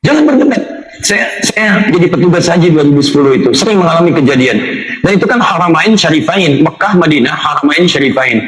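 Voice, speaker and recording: A man preaching a sermon to a live audience, telling stories in an animated way. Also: fairly high pitch, brisk, over a noisy crowd. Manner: animated storytelling, voices the people in his stories. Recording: roomy hall with an audience.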